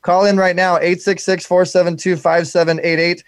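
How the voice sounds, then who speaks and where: A man's voice: high-pitched, little pitch movement, moderate pace, smooth, no room sound. A man hosting a live show, talking loosely with many fillers and repeated words. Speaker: show host.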